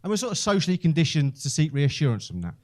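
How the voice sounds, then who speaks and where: A comedian from Birmingham, England, with a Brummie accent does stand-up storytelling that is conversational, sweary, and self-deprecating. He talks fast in a high voice with big swings in pitch.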